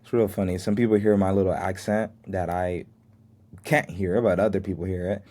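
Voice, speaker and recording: This deep male voice has a darkish tone, fairly even intonation and normal speed. It belongs to a US podcast host in his twenties, a first-language Haitian Creole speaker, who reflects solo on life lessons in an earnest, faith-filled way with the odd laugh at himself.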